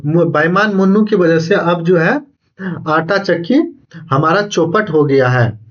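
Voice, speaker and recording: High-voiced man teaching an exam class. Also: animated, unhurried, highs cut off. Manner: explains and repeats points, quizzes students. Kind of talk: exam-prep lecture reading a novel aloud.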